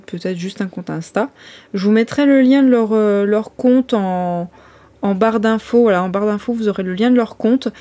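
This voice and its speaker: A woman's voice: on the high side, dark tone. A woman chatting casually in a vlog, with many hesitations and restarts as she goes through her list. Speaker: vlogger.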